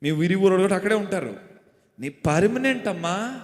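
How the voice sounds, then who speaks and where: High-voiced preaching pastor in echoey hall. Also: male voice, lively intonation, normal speed. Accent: Telugu. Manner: call-and-response preaching, shouting refrains. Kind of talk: sermon. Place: church hall or meeting.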